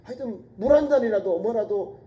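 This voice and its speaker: A man pastor delivering a sermon, preaching emphatically with repeated exhortations and swinging between raised urgent lines and low quiet asides. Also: brisk, dull audio. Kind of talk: sermon at a midweek prayer service.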